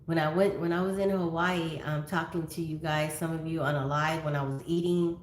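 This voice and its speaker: A woman in her fifties chats easily on a phone livestream, greeting viewers one by one and drifting into stories. Her voice sits fairly low, and the room gives it a clear echo. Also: fairly even intonation, brisk, a little hiss or hum. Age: 50s. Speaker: livestream host. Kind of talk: casual livestream chat reading viewer comments. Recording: echoey room.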